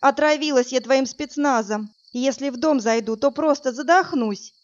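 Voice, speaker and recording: A woman's voice: high-pitched, moderate pace, highs cut off, voice pushed up, close to an everyday voice. A woman voicing a frightened but defiant young captive woman in a read-aloud crime story. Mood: pleading. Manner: pleading then sharp, tense.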